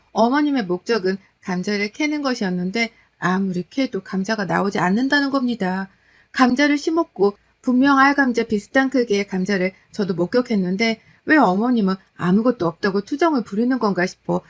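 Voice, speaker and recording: Speaking at medium pitch, a woman narrates her own story as a daughter-in-law in steady, conversational scripted narration tinged with wry exasperation.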